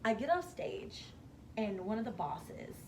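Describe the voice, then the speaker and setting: A woman guest, a hair stylist, telling her career story in a casual interview, lively and acting out the voices of people she quotes with gasps. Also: on the high side, a little slow, a little hiss or hum. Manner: animated, acts out quoted dialogue with gasps.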